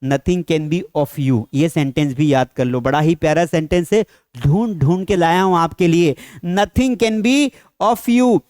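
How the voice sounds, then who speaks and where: High-voiced Indian male English teacher. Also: darkish tone, dry recording, clean studio sound. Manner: reads English examples slowly and stresses each word, then explains briskly; repeats the examples and quizzes the viewer. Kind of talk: spoken English lesson.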